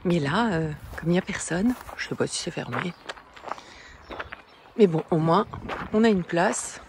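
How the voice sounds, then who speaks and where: A woman in her forties chatting casually as a travel vlogger, with many filler pauses, talking to a camera held at arm's length. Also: on the low side, lively intonation. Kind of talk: casual vlog narration. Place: camper van and outdoor campsite. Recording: noisy road and vehicle background.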